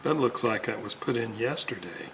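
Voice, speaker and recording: A medium-pitched man at normal speed hosts a hands-on radio restoration video, offering casual, fragmented repair remarks and half muttering to himself while he works. A steady mains hum and loud background noise fill the recording.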